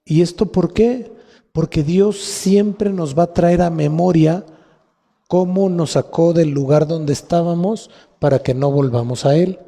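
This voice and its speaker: A man's voice: fairly high pitch, measured pace, creaky, dark tone. A man with a Mexican Spanish accent preaching a sermon as pastor, asking the congregation rhetorical questions. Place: church hall. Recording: long hall reverb.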